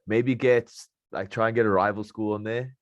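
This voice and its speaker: A man's voice: on the low side, fairly even intonation, moderate pace, no echo, lo-fi sound. A young South African man chatting casually as an interview guest, with a slangy, matey way of talking. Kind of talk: casual chat.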